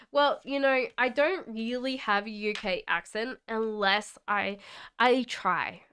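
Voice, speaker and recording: An Australian woman whose accent carries a British tinge reads tarot on a live stream from her home in the UK. Her voice sits on the high side and sounds pushed, bright and smooth as she reads viewer comments aloud and laughs often.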